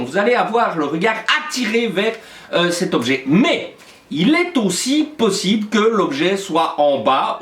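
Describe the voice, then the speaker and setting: Playful high-voiced male teacher. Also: fairly bright tone, roomy sound. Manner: playful, explanatory with frequent hesitations. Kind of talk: classroom lesson.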